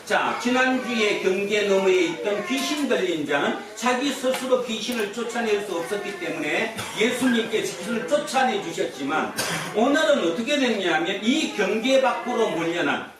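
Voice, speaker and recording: A man's voice: high-pitched, lively intonation, normal speed, hardly any pauses. A male pastor preaching a sermon, putting questions to the congregation and repeating their answers. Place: church sanctuary. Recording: echoey church hall from far off.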